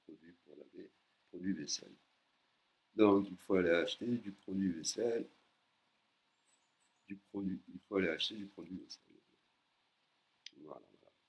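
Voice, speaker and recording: A man teaching a language lesson, patiently explaining and repeating words slowly for learners. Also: low voice, gravelly, low-quality recording.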